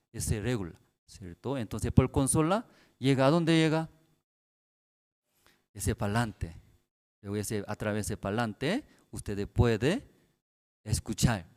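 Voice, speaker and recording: Slow, soft-spoken pastor with low voice. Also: male voice. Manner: simple broken Spanish with many tag questions; speaks softly and slowly to the congregation. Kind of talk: sermon at a prayer service.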